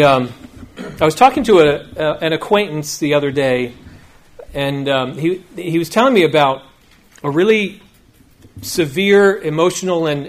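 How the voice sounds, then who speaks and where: Pastor, male, fairly high voice, measured dramatic scripture reading in church. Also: a little hiss or hum. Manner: measured, dramatic reading with slow emphatic phrases. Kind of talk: scripture reading then sermon.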